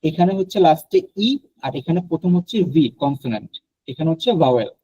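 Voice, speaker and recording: A man's voice: a little high, animated, fast talker, dark tone, dull audio. A man from Bangladesh teaching a French class online, explaining patiently and mixing in English phrases.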